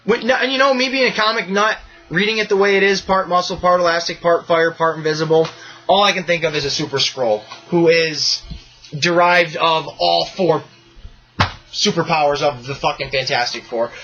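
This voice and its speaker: A man hosts a podcast in loose, rambling conversation, swearing freely and breaking into bursts of enthusiasm. His voice sits a touch high and sounds bright and forceful. The recording is muffled and lo-fi. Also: normal speed, faint music behind. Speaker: podcast host. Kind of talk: casual chat.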